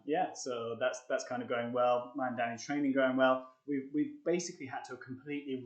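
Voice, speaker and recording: A young man talks his viewers through push-ups on a live stream, chatty and upbeat, still catching his breath between sets. His voice sits at an ordinary middle pitch. The room around him is bare and echoey. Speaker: fitness coach. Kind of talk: live-streamed workout tutorial.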